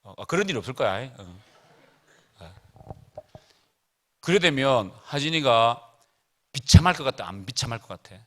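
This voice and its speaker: A man's voice: medium pitch, big pitch swings, moderate pace, pauses often, a bit bright. A middle-aged man preaching casually to teenagers at a retreat, chatty and joking as he tells family stories.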